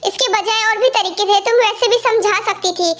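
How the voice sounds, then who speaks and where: A woman dubbing a calm, patient young man in an amateur fan dub, reasoning and gently pleading. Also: extremely high pitch, fairly quick.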